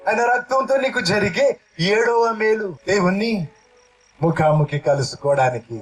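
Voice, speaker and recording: A man's voice: high voice, a little slow, faint music behind, poor audio. A male pastor preaching a sermon and leading his congregation through a repeat-after-me prayer.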